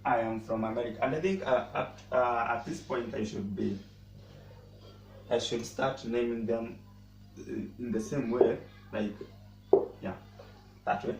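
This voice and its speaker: A man who speaks natively, teaching a casual language lesson and pausing often to repeat words as he explains. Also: medium pitch. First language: Swahili. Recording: roomy echo, mic at a distance, faint noise.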